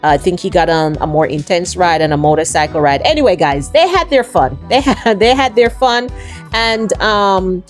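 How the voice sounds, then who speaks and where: A woman's voice: lowish voice, moderate pace, soft background music. A middle-aged woman from Jamaica with a Jamaican accent, chatting to viewers in a casual travel vlog. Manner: chatty, addresses viewers as guys. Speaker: travel vlogger.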